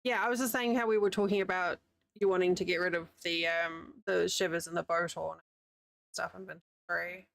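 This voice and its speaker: Her voice is lowish, steady and gravelly, moving a little fast over a dry recording. She's a New Zealand woman with a matching accent, streaming from home in the US and chatting loosely with viewers as she crochets, laughing a lot.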